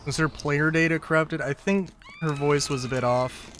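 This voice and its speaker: A man's voice: a little high, steady tone, moderate pace, fairly bright tone, a little hiss or hum. A man giving dry, wry, casual commentary on a game. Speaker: gamer commenting on game story.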